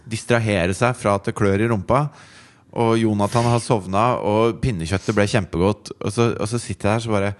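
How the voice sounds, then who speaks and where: A man in his thirties telling a story in casual chat, animated and laughing, acting out quotes. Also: lowish voice.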